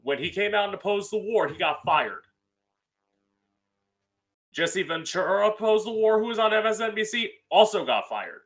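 A man's voice: high voice, animated, normal speed, long pauses, a bit bright. A man with a campy drag queen delivery, giving an emphatic, opinionated monologue as host into a close studio mic. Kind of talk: solo opinion monologue to camera. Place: small room at home, indoors. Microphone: close studio mic on boom arm with pop filter.

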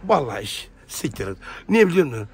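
A man's voice: mid-range voice, very animated, quick pace, slight background noise. A man in casual chat who talks in an agitated way, repeating words and stammering. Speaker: regular of the show.

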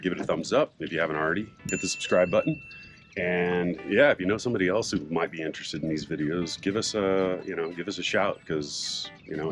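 A middle-aged man casually explaining a boat project outdoors in a sailboat cockpit, relaxed and rambling with frequent fillers. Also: deep voice. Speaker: sailboat owner and vlogger. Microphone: camera on a mount a few feet away. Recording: outdoor recording with background noise.

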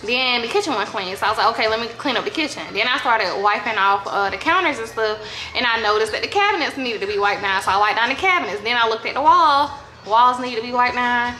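A woman in her thirties chats to her camera in her home kitchen, self-mocking and easygoing as she talks viewers through her cleaning. Her voice sits a little high. The sound is echoey, with steady noise behind it. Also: fast talker, hardly any pauses. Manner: chatty, addresses viewers as y'all, self-mocking about chores. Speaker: family vlogger. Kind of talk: casual vlog chat to camera. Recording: echoey room with background noise.

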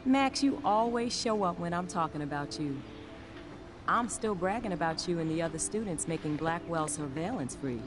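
Woman voicing a calm science teacher. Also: on the low side, lightly acted. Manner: measured, concerned, explanatory. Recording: game audio under a livestream, with background noise.

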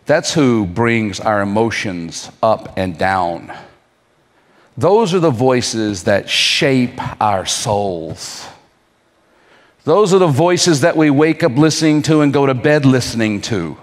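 Male preacher, mid-pitched, slow rhetorical sermon style with long pauses, captured with lingering hall reverb. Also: animated. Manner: rhetorical questions, dramatic pauses. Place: church hall.

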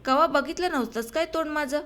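A woman's voice: high-pitched, brisk. Woman reading as a scolding angry village farmer. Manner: scolding, sharp-tongued. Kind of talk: audiobook story reading.

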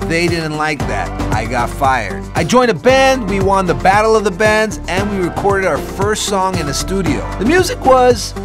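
A man from Dubai, a DJ and TV presenter, narrating his own life story in an upbeat, animated way. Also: high voice, normal speed, few pauses. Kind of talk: scripted personal story narration. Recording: voice-over with loud backing music. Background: music.

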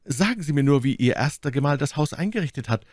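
A man voicing a cool, mocking English lord in an audiobook, contemptuous and measured. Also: on the high side, lively intonation, darkish tone, no room sound, studio quality, pitched above the performer's own voice. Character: cold, mocking English lord, older brother-in-law. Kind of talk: audiobook reading.

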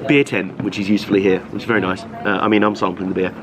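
A man's voice: low-pitched, flat delivery, very fast, over a noisy crowd. A man hosting a casual travel vlog, chatty and upbeat, talking outdoors at a railway station in the rain. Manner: chatty, upbeat, laughs often. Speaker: vlog host. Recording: noisy outdoor recording.

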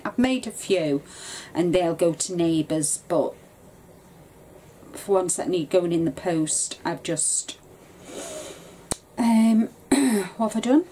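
A craft vlogger chats casually to a desk webcam in her home craft room, rambling with lots of ums while bunged up with a cold and coughing. Her voice is fairly low and dark, with a little hiss or hum.

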